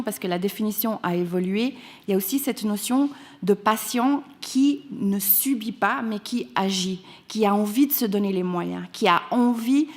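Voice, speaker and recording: A woman from Canada gives a conference talk in a hall, earnest and emphatic, sometimes stumbling and restarting a phrase before pressing her point. Her voice sits at an ordinary pitch for a woman. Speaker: patient advocate speaker.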